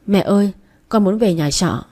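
A fragile, remorseful young woman, voiced by a woman narrator, talks in a timid, pleading way. The tone is mellow and warm, with a slight lift above the narrator's usual pitch. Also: normal speed, close to an everyday voice. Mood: meek.

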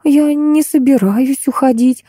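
A woman voicing a frail, gentle elderly woman who speaks in a faint, rustling, trembling voice, tired and pleading. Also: sits high, steady tone, a little slow, dry recording, clean studio sound, voice pushed up. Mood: weary. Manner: tired, pleading, soft-spoken. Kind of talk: audiobook character voice.

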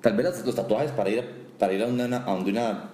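A Costa Rican man in his forties hosting a comedic interview, teasing his guest in a mock-serious way, with halting restarts. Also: on the low side, mellow. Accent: Costa Rican Spanish. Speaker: host. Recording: echoey room with faint noise.

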